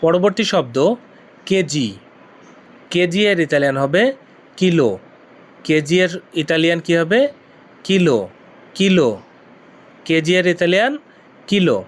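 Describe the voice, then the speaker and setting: Male teacher from Bangladesh, slightly high voice, drills vocabulary by patient repetition. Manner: repeats each word slowly several times. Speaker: language teacher. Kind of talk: vocabulary lesson.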